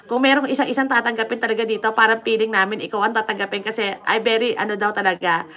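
Filipina lady hosting a live stream, super bright voice, chatty and laughing a lot. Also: a little high, steady tone, fast talker. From Philippines. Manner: chatty, mixes Tagalog and English, laughs often. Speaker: livestream host. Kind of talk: casual livestream chat, greeting viewers.

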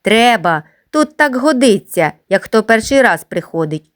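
Cheeky schoolboys, as a woman reader puts them on taunt in bossy, mocking shouts. The voice is raised high and loud above her own. It leaps up and down in pitch with lively emphasis. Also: a little slow. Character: mischievous schoolboys, teasing and mocking.

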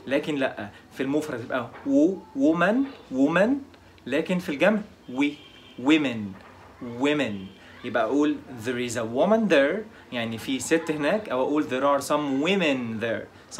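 A man with an Egyptian Arabic accent teaching English pronunciation, slowly repeating each word several times. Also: a little high, a little hiss or hum. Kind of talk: pronunciation lesson.

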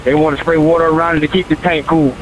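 A man's voice: a little high, flat delivery, quick pace. A man who is a firefighter, giving informal, matter-of-fact reports from the scene by emergency radio. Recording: noisy fireground radio with engine hum.

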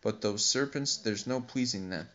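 A man voicing a suspicious, complaining pigeon in an audiobook, loud and aggrieved. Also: on the low side, normal speed. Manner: screaming, complaining. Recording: dull lo-fi recording.

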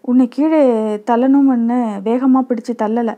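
A woman's voice: high voice, fairly even intonation, a little slow, narrow, tinny audio. A woman voicing a teasing, mischievous young village boy in a storybook reading, in a playful, coaxing way. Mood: pleading.

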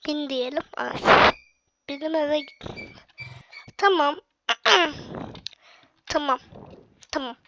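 A woman's voice: high-pitched, slow pace, long pauses, dull audio, noisy background. A young woman hosting her own game video, chatting to viewers in a casual way while sick with a cough. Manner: chatty, addresses viewers directly. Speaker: gaming channel host.

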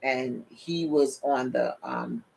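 This middle-aged New York preacher and show host, whose accent shows Caribbean touches, speaks in a slow, creaky bass voice. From a desk chair in her home office, she gives an animated sermon-style testimony over a webcam, using her hands and calling her listeners "people".

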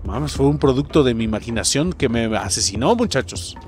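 A young man with a Mexican Spanish accent giving excitable, profanity-filled commentary while he plays a game, often breaking into sudden yelps and shouts. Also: mid-range voice, a little fast, over music. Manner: excitable, swears a lot, jumps to yelps and shouts. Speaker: gaming channel host. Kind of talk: casual gameplay commentary.

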